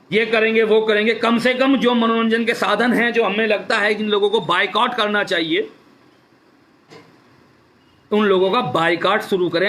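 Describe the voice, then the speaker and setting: A male political speaker on a social media live stream makes an impassioned address to viewers, repeating key phrases for emphasis. His voice sits high and has a fairly bright tone.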